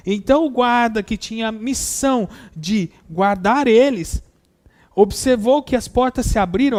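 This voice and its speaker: A man preaching a sermon, reading scripture aloud and repeating verses, stretching key words and hitting them with sudden loud stresses. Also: very high-pitched.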